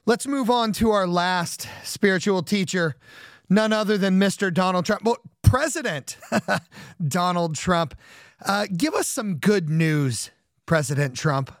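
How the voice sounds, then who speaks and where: A man's voice: high voice, animated, a little slow, dry recording, clean studio sound. A man hosting a podcast, rambling casually with lots of fillers, joking about himself and laughing often. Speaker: podcast host.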